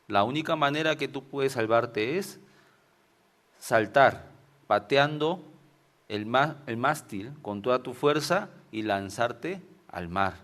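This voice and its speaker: A Venezuelan man with a Venezuelan Spanish accent preaches an informal sermon, weaving in personal stories and often ending phrases with tag questions. His voice is mid-range with a fairly bright tone.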